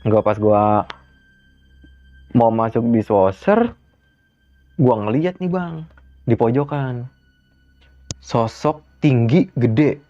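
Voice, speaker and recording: Animated Jakarta man telling a story. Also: slow pace, pauses often, dry recording. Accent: Jakarta colloquial. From Jakarta, Indonesia. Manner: animated, acts out quoted dialogue with sharp pitch jumps. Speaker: guest telling a ghost story. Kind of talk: casual storytelling. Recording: dull dry recording with faint music.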